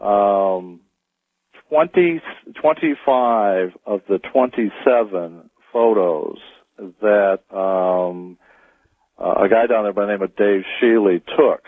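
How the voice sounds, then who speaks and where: Halting, low-voiced man on a phone line. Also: no echo. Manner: halting, deliberate, circles back on words. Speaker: interview guest, Bigfoot tracker. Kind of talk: live radio interview answers. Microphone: telephone. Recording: dry, narrow phone-line sound.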